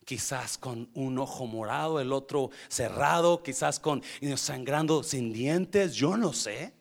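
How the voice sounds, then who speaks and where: Swinging from hushed closeness to shouting, this pastor delivers a Spanish sermon sprinkled with English phrases. His mid-range voice is creaky and he takes his time.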